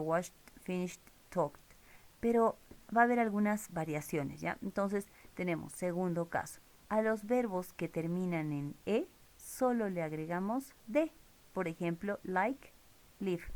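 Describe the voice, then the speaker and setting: A woman's voice: fairly low pitch, a little mellow. A woman teaching English grammar in a recorded lesson, explaining rules step by step and checking in with her viewers. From Peru.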